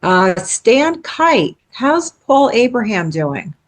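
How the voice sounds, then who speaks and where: A woman's voice: fairly high pitch, very animated, slow. A woman in her sixties co-hosting a podcast in casual chat, reading out listener questions and laughing easily. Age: 60s. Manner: reads listener questions, chatty, easy laughs. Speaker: podcast co-host.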